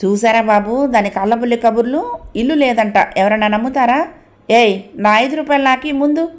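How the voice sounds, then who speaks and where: A woman voicing a lying male street thug in a Telugu audio novel, loud and accusing. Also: a little high, moderate pace, natural voice. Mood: sneering.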